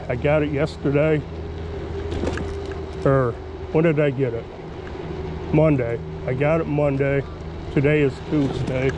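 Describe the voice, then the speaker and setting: A man talking in a casual, folksy vlog style while riding an electric scooter outdoors. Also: on the high side. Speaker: vlogger. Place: outdoors, riding along park roads and stopping at a pavilion. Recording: outdoor action camera with ambient noise.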